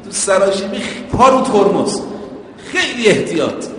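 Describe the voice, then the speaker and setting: A man's voice: sits high, big pitch swings, a bit bright, a little hiss or hum. A male preacher giving a sermon, using everyday driving comparisons and chanting quotations in Arabic. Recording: echoey hall with a long reverb.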